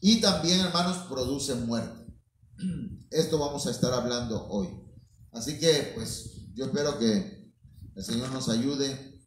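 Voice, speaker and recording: A man preaching a sermon in a slow, halting way, often stopping to address his listeners as brothers. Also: medium pitch. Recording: very echoey, from far off the mic.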